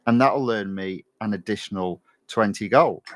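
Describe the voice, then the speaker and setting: A man's voice: fairly low pitch, normal speed. A middle-aged man from England, chatting casually with many ums while live-streaming a racing game. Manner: relaxed, chatty, many ums and uhs, reads chat aloud. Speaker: gaming streamer.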